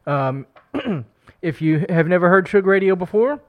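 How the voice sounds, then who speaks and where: Fighting a cold, this man still hosts his community radio music show in an upbeat, chatty, self-deprecating way, with fillers and restarts. He speaks a little slowly in a high-pitched, lively voice, and though he uses a studio broadcast microphone, the sound is phone-quality.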